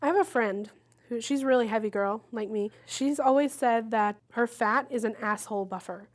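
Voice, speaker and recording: A woman's voice: on the high side, moderate pace. A woman in her thirties giving frank, self-mocking interview answers and laughing often.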